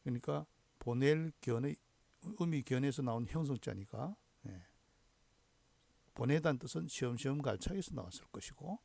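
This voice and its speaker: A man teaching Chinese characters in a slow, deliberate lecture, often dropping in a short affirming "ye" between points. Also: mid-range voice, expressive, vocal fry, darkish tone, no echo. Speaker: hanja teacher. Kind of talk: recorded lecture.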